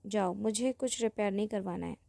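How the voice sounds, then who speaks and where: A woman voicing a playful, quick-tempered woman who teases in a mock-offended way. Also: mid-range voice, gravelly, mellow, no echo, close to an everyday voice. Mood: teasing.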